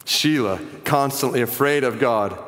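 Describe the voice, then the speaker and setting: A man preaching a sermon as a pastor, earnest, his voice dropping low and quiet at the ends of phrases and rising when he appeals to listeners. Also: unhurried. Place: church sanctuary. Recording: long reverb of a large hall.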